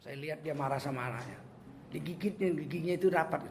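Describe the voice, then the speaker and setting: An older male preacher with a Medan accent gives a humorous talk to his listeners. His voice sits high for a man, and he jokes and acts out the people he quotes. Faint ambience hums under the recording. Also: fast talker, darkish tone, slight background noise. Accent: Medan Indonesian. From Medan, North Sumatra, Indonesia.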